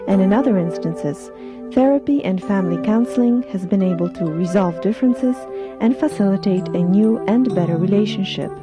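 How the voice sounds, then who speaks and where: A woman doing scripted documentary narration in a measured, even manner. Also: medium pitch. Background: music.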